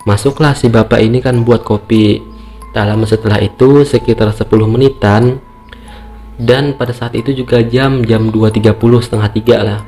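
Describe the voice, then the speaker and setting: A man's voice: mid-range voice, fairly even intonation, moderate pace, mellow. A man telling a horror story informally and conversationally, repeating phrases for emphasis. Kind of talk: informal spoken storytelling, acting out dialogue. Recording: music playing behind the voice.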